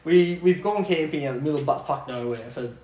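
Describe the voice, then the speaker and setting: A man's voice: a little high, fast, a loud crowd. A young man with an Australian accent chatting as a podcast guest in a blokey, laconic, slangy way. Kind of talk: casual chat and anecdote. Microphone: phone lying on table. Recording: echoey room, faint background noise.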